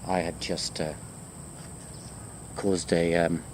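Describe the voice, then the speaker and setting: A university lecturer with a deep voice speaks slowly and flatly to his students over a walking video chat, with noise in the background. He lectures informally, rambling along in a conversational, self-deprecating way.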